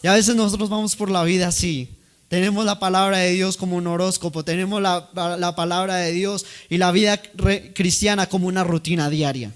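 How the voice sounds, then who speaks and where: A man's voice: sits high, fairly even intonation, fairly quick. A man preaching a sermon in a conversational way, asking the congregation questions.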